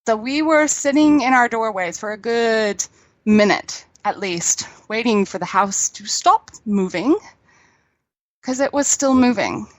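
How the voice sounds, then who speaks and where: A woman's voice: fairly high pitch, expressive, a little slow, no echo. A middle-aged woman from New Zealand with a New Zealand accent, a scientist guest chatting casually on a radio interview and laughing often.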